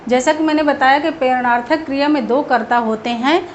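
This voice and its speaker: A woman's voice: sits high, a little fast, highs cut off, a little hiss or hum. A woman teacher explaining a grammar lesson, patiently repeating each point and checking in after every step.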